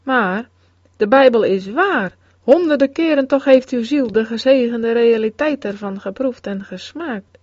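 A woman reads a religious memoir aloud in a solemn, measured way. Her voice is fairly high. The sound is dry and a little dull, as if recorded close on a modest mic. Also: a little mellow, no echo. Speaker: reader. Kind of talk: scripted narration of a religious memoir.

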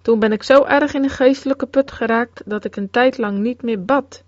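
A woman's voice: a little high, normal speed, dry recording. Solemn woman reading a memoir. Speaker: reader. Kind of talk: scripted narration of a religious memoir. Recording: dull, dry close recording.

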